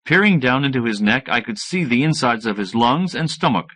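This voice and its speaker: A man narrates first-person fiction for an audiobook in an expressive, scripted style. His pitch is medium and his pace brisk.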